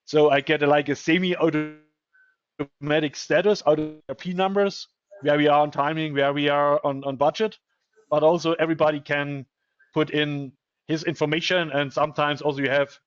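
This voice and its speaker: A man, a guest speaker answering interview questions in a steady, explanatory way. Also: a little high, normal speed, clear, resonant tone. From Germany. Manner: steady, explanatory, with small restarts. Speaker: guest speaker, project management director. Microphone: video call. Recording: dull, lo-fi video call audio.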